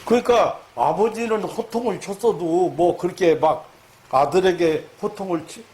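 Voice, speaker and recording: A man preaching a sermon lecture as a pastor, halting with fillers, then rising loud and high to stress his points. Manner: halting, many fillers and restarts.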